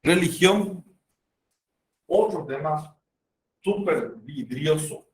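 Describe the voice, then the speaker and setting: A man's voice: on the high side, expressive, drawn-out words. A man with a Paraguayan accent giving a university medical lecture, explaining with examples and acted patient dialogues. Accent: Paraguayan Spanish. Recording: roomy, from far off the mic.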